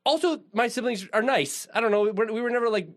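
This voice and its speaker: A man's voice: extremely high pitch, quick pace, a bit bright, no echo, studio quality. A young man co-hosting a podcast, telling stories in casual chat, swearing freely and laughing as he talks. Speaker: podcast co-host.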